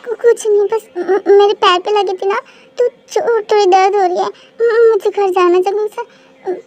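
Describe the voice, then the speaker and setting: Shy, tearful student girl, stammering, very high voice, played by a high-voiced reader; fan-dub drama. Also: fairly even intonation, unhurried, no echo. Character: tearful shy young female college student.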